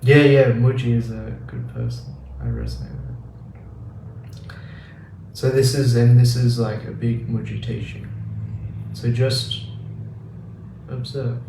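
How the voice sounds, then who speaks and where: A man giving a casual spiritual teaching talk on meditation, acting out the mind's inner voice in quick asides. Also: mid-range voice, expressive, dark tone. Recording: roomy, distant mic with faint noise.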